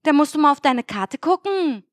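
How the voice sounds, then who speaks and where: High-voiced young woman ranting. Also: moderate pace, dry recording. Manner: animated, swearing, acts out dialogue. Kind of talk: casual chat, ranting story.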